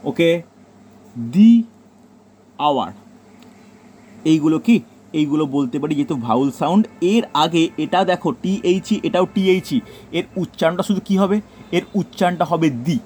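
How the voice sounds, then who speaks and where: Bengali-accented teacher, mellow voice. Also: male voice, on the high side, a little fast, a little hiss or hum. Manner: repeats points and tells students to note them down. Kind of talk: classroom grammar lesson.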